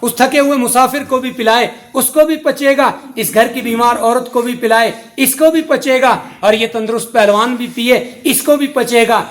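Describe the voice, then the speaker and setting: A middle-aged man preaches a sermon in a strikingly high voice. He builds his points in rhythmic, repetitive lists, one short phrase after another. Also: hardly any pauses. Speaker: mufti preaching.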